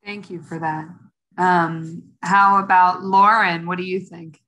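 A woman with a lowish, bright voice moderating a panel over a video call. She thanks each panelist and passes the floor on in a brisk, encouraging way. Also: fairly even intonation, rough recording. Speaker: co-facilitator.

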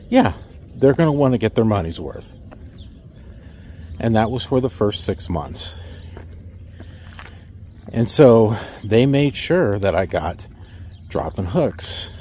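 Slow, low-voiced middle-aged man outdoors. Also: darkish tone, a little hiss or hum. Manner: wry, rhetorical questions, mocks company replies. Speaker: truck driver vlogger. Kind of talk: casual talk to camera. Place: outdoors in a parking lot. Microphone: phone held at arm's length.

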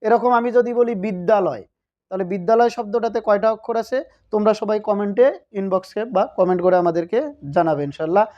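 A man's voice: high-pitched, fast talker. A man from Bangladesh teaching a grammar lesson, who keeps asking questions and answering them himself. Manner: asks questions and answers them himself, repeats key points. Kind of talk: recorded video lesson. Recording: dull lo-fi recording.

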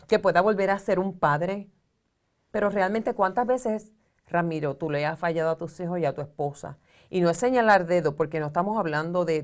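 Earnest middle-aged woman giving advice. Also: lowish voice. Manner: earnest, counseling, gestures widely while explaining. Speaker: social communicator guest. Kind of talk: advice talk show conversation. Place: studio set in armchair.

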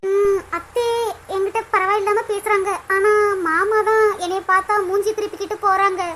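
A woman voicing Priya, a young cartoon wife who is soft-spoken and apologetic, with a Tirunelveli Tamil accent. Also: extremely high pitch, flat delivery, moderate pace, slight background noise. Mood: shy.

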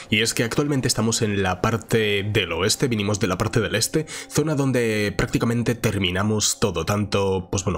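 With a cold giving him a sore throat and a nasal, congested sound, a man hosts Let's Play commentary on his gaming channel, informal and chatty as he thinks aloud. His voice is on the low side and a bit bright, with game music in the background.

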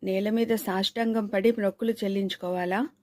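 A woman's voice: mid-range voice, steady tone, brisk, a little mellow, no echo, studio quality, lightly acted. A woman reading the lines of a carefree, fearless young village man who talks bluntly and easily in a storybook thriller. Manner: blunt, easygoing.

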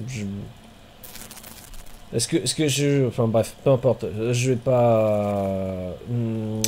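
A man streaming a marbles race game, commenting in a chatty way with bursts of excited exclamations. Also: mid-range voice.

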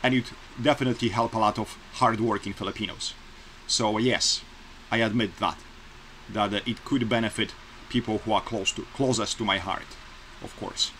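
Speaking to his webcam from close up in a small bedroom, a vlogger in his forties from Poland gives his views in a plain, earnest way, repeating himself to drive points home. He has a Polish accent and a lowish, fairly bright voice with fairly even intonation at a moderate pace. The recording is rough, with slight hiss or hum.

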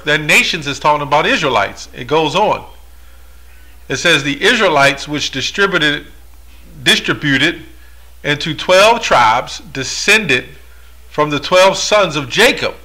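A man's voice: a little high, pushed and bright. A man reading Bible verses aloud and explaining them in a monologue, with rhetorical asides. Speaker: religious commentator.

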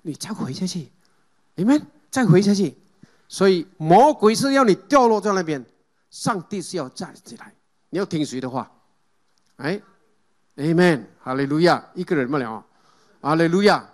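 During his sermon, this preacher shouts Amen and Hallelujah, quizzes the congregation and guides a group reading. His voice sits high with lively intonation, moving at a normal pace broken by long pauses.

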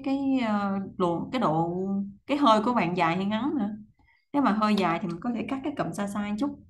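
A woman teaching English pronunciation, reading sentences aloud and repeating words slowly, sound by sound. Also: medium pitch, low-quality recording. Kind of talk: language lesson, reading and breaking down English sentences.

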